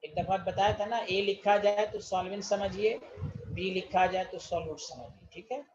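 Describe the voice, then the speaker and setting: A man's voice: high-pitched, moderate pace, dull audio. A man teaching chemistry in an online class, exasperated and quizzing his students again and again.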